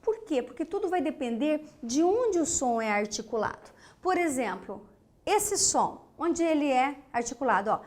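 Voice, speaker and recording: A woman's voice: sits high, sing-song, normal speed, a little mellow. A woman from Brazil teaching an online grammar lesson, explaining step by step, asking rhetorical questions and checking understanding with short tags, and voicing the speech sounds aloud as examples.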